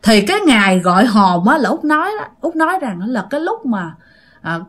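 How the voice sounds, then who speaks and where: A woman's voice: a little high, big pitch swings, a little fast, a bit bright. A woman telling a ghost story in a chatty, repetitive way, speaking directly to her listeners.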